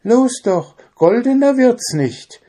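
A tiny storybook bird with a very high, squeaky voice that keeps pushing the others along. It sounds shrill and impatient, with the lines pitched far above a normal speaking voice. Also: male voice, big pitch swings, slow, warm tone, exaggerated voice. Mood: urging. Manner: pushy, urging. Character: shrill excitable little bird.

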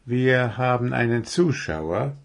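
A man's voice: medium pitch, lively intonation, slow pace, gravelly. A man voicing a dry, doubtful male friend in a read-aloud children's story.

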